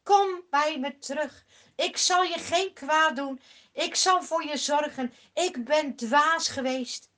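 A woman's voice: high-pitched, slow pace, sharp tone, exaggerated voice. A woman voicing a remorseful old king who earnestly confesses and begs someone to come back.

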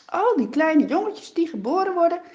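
Woman doing a mean scheming king, loud and pushy, kinda muffled old recording. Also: very high voice, big pitch swings, moderate pace, pitched above the performer's own voice. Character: cruel scheming male Egyptian king. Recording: dull lo-fi recording.

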